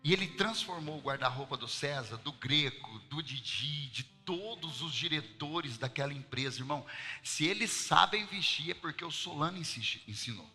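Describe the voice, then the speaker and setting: Bright-voiced Mineiro preacher in a church. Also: male voice, fairly high pitch, moderate pace, big-room sound, faint music behind. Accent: Mineiro (Minas Gerais) Portuguese. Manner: lively storyteller, asks the congregation questions. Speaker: apostle preaching to his congregation. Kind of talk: sermon told as a personal story.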